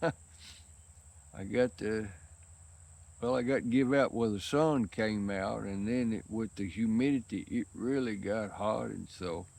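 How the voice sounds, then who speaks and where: A tired man rambles along in an unhurried, folksy drawl, his low voice rough with gravel. He talks casually to the camera outdoors on a windy day, insects chirping around him. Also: a little mellow. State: worn out and sweaty from work. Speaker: pipe-smoking vlogger.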